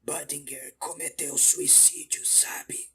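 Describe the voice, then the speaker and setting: A frail, dying old man rasps out his warnings in a breathy whisper. The voice is slow and gravelly, with a bright, thin edge to it. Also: fairly high pitch, little pitch movement, exaggerated voice. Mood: ominous. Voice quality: raspy whisper. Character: dying old man, hoarse from throat cancer, ominous. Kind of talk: audiobook character voice.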